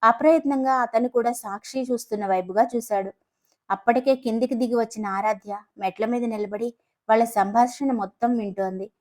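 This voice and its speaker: A woman's voice: a little high, moderate pace. A woman narrating a family story, acting out the characters' lines with a livelier voice.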